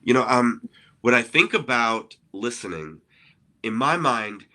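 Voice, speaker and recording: A man raised in Argentina co-hosts a conversational discussion as a ministry innovation speaker. His mid-range voice is bright and forceful, animated and a little slow. He explains ideas earnestly, often checking in with "right?"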